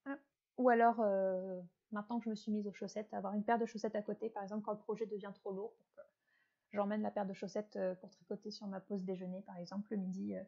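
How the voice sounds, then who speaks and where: A woman's voice: mid-range voice, level tone, fast, gravelly, dark tone, lo-fi sound. A woman hosting a knitting podcast, chatting casually about her projects with lots of hesitant fillers. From France. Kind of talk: casual show-and-tell chat.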